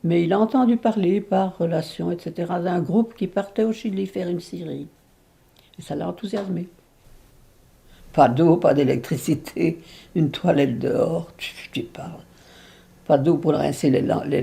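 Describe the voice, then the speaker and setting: A great-grandmother in her nineties from Belgium, telling her life story to a baby in a halting, emotional way with many restarts. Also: on the low side, vocal fry, dark tone. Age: over 90. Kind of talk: intimate spoken memoir.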